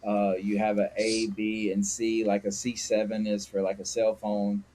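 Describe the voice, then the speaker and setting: The guest, a sober living founder in middle age from Mississippi, speaks in a lowish, dark monotone at a moderate pace. Reflecting candidly on his life in the interview, he leans on many fillers.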